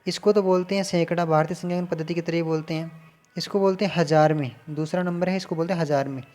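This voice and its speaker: Patient male teacher with a mellow voice. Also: a little high, steady tone, faint music behind. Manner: patient, repeats and counts digits aloud slowly. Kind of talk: casual classroom explanation at a board.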